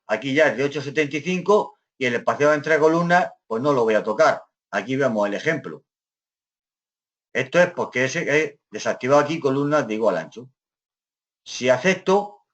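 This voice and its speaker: A man teaching an office software class, explaining each step and often checking in with his students, slowing down and going quiet while he types. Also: medium pitch, dull audio. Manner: slows down and trails off quietly while typing. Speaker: computer skills teacher. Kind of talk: screen-recorded software lesson.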